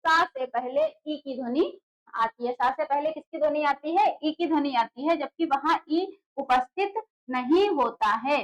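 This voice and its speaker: High-voiced woman teaching with rhetorical questions. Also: animated, measured pace, rough recording. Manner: asks rhetorical questions then answers them; explains patiently, repeating key words. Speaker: Hindi teacher for exam prep. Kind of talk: classroom lecture at a board.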